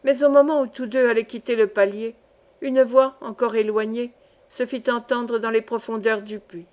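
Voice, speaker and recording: A woman reads a classic adventure novel aloud as an audiobook. Her narration is steady and goes phrase by phrase, in a fairly high voice. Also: moderate pace. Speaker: audiobook reader.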